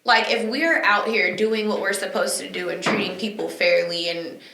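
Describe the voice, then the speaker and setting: A woman co-hosting a casual discussion, making her points with sharp rhetorical questions. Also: mid-range voice, normal speed, creaky, a little hiss or hum. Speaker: podcast co-host. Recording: echoey room.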